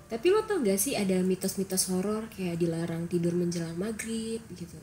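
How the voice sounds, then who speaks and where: A young woman co-hosting a podcast, telling stories in an animated, expressive way with casual slang. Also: mid-range voice, normal speed, a little hiss or hum. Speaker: podcast co-host. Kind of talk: casual storytelling chat.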